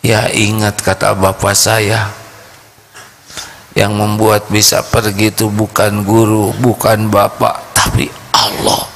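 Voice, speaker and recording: A man's voice: fairly low pitch, completely flat delivery, slow, a bit bright, a little hiss or hum. A man voicing a poor, humble boy who is tearful and earnest, in a sermon story.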